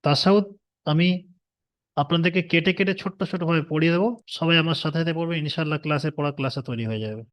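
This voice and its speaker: A man with a Bengali accent teaching a prayer recitation online, getting the class to repeat after him and chanting the Arabic slowly in a melody. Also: fairly high pitch.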